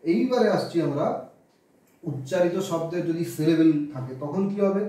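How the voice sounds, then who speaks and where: Captured from a distance in a very echoey room, a male physics teacher speaks at normal speed with a mellow, fairly high voice and lively intonation. He explains the lesson step by step, works through sums aloud, and slips in English terms.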